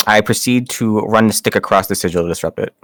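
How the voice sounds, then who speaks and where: A man's voice: fairly low pitch, fast talker, fairly bright tone, no echo, clean studio sound. A man playing a tabletop game, plainly describing what his character does. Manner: matter-of-fact, describing his character's actions. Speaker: player. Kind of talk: tabletop role-play chat.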